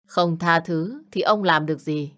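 A woman's voice: lowish voice, unhurried, a bit bright. A woman voicing an arrogant, cruel young man who taunts and mocks. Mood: contemptuous. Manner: sneering, taunting.

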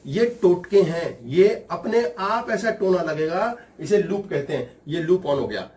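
A man giving a motivational talk, telling a household story with lively, quick mimicking voices. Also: high-pitched, recorded from a distance. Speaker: motivational speaker.

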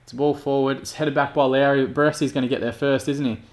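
A man's voice: mid-range voice, flat delivery, fast. Male gamer, casual commentary over a football sim, swears and vents often. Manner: frustrated, sweary, exasperated outbursts. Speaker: gaming YouTuber. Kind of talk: football manager game commentary.

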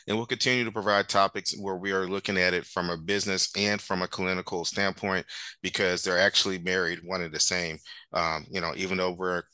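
A man's voice: low-pitched, flat delivery, a little fast, bright, forceful tone, no echo. A man hosting a webinar over a video call, rambling loosely with many fillers. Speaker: webinar host. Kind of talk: casual webinar talk.

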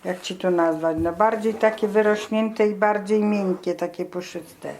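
A woman's voice: medium pitch, steady tone, unhurried, a little mellow, slight background noise. An elderly woman reminiscing casually as a grandmother, explaining things in a colloquial, matter-of-fact way. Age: 70s or older. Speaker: grandmother being interviewed.

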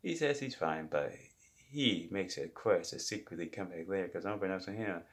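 A man's voice: low-pitched, animated, moderate pace. Man, improvised silly story, rambling, lots of restarts and repeats.

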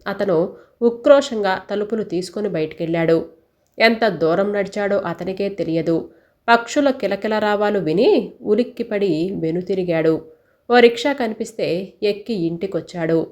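A woman reads a story aloud at a steady, expressive pace. Her voice sits in a middle pitch range. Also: normal speed. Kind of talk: story reading.

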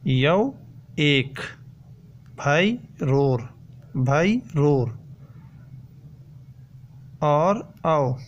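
A man teaching a language lesson, slowly repeating each word and phrase as he drills it. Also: on the high side, lo-fi sound. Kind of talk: slow, repetitive language lesson. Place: voice-over on a slide video.

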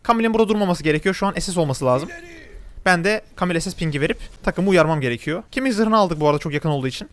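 A young man casually commentating his own match as he plays, chatty and talking straight to his viewers. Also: on the high side. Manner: rapid, chatty, addresses viewers directly. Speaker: gameplay commentator. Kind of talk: live gameplay commentary.

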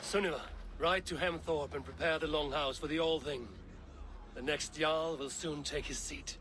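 A commanding Viking leader and trusted advisor acted by a man in a dramatic video game. The pitch is a little high for a man. The delivery stays composed, formal and authoritative. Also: steady tone, moderate pace, background noise, close to an everyday voice.

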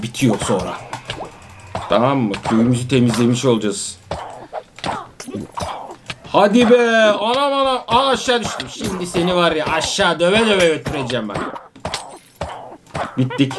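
An excitable man gives let's-play commentary, his high, lively voice jumping around as he shouts and repeats himself. He scolds the game's enemies playfully. The recording is noisy, with mouse clicks in the background. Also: moderate pace, long pauses. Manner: excitable, frequent loud exclamations and repeated words. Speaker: gaming channel host.

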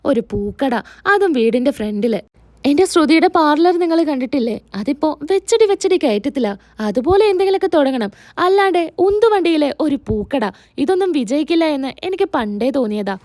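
A scheming mother-in-law who mocks and dismisses, put on by a woman telling the story. Her tone is sneering and a little high. The voice is warm and dry. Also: expressive, brisk, no room sound.

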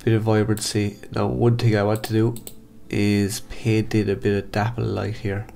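A man with a blocked-up, nasal voice from hay fever, calmly talking through a software photo-editing tutorial step by step. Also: fairly low pitch, normal speed, gravelly, soft background music. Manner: calm step-by-step instructions. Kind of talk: screen-recorded software tutorial.

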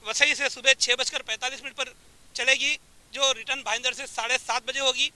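A middle-aged man reporting the news outdoors on a seaside jetty, speaking into a handheld mic with a steady, informative delivery and frequent filler sounds. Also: extremely high pitch, clear, resonant tone, dry recording, low-quality recording.

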